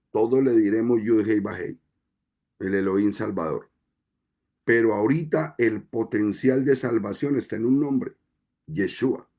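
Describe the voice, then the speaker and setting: A man preaching a sermon as pastor, speaking deliberately with measured pauses between phrases. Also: medium pitch, mellow.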